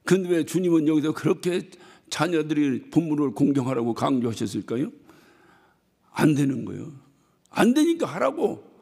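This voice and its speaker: Korean pastor guy preaching, swoops all over the place, gravelly, big church reverb. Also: on the high side, moderate pace. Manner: animated storytelling, mimics congregants and shouts. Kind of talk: sermon. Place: church hall.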